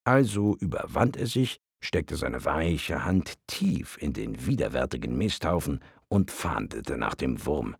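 A man narrating a storybook-style audiobook in a measured, expressive way. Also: very deep voice, creaky, slightly rough, no room sound, studio quality.

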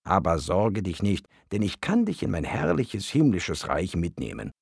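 A man's voice: low-pitched, sing-song, normal speed, creaky, a little mellow, husky, no room sound, studio quality, pitched above the performer's own voice, heavily acted. A man doing a kindly heavenly deva. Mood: coaxing. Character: warm-hearted heavenly male deva, a former monk. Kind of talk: audiobook story reading.

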